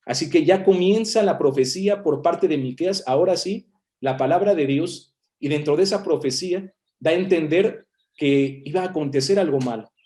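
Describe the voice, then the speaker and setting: A man with a Mexican Spanish accent preaches from the Bible, working through the verses aloud and explaining them one by one. His voice sits fairly high but sounds warm and mellow. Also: moderate pace. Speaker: minister. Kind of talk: sermon.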